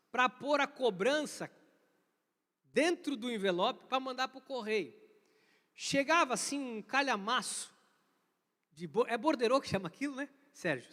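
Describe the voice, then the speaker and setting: A middle-aged man with a Brazilian Portuguese accent preaches a sermon full of stories, his voice unusually high. He is animated and mimics sounds with his mouth. The long reverb of a church hall trails behind him. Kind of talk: storytelling sermon. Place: church service.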